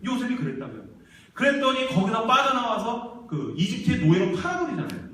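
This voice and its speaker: A man's voice: very high-pitched, fairly quick, slight background noise. A man preaching a sermon to young adults in a large church hall, telling stories vividly and acting out the voices of the people in them. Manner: lively storytelling, acting out quoted voices. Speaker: church ministry staff preacher. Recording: very echoey church hall, mic far off.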